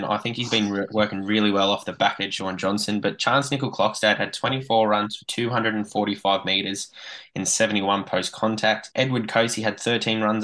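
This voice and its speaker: Casting: Australian man, sports podcast stats guy, blokey and casual, crisp bright edge, slightly deep. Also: rough recording. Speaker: sports podcast co-host reading match statistics. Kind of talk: casual rugby league stats rundown.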